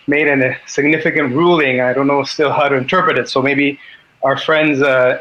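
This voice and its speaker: Chilean man, 50s, Spanish-accented English, tense bright tone, halting earnest guest on a dull call line. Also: medium pitch. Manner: halting, clears his throat often. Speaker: guest speaker on a group call.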